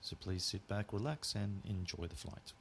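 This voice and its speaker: A man speaking as the captain over the cabin loudspeaker, with a calm and measured announcement. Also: sits low, gravelly, slight background noise, voice pushed down. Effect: pilot over the cabin loudspeaker.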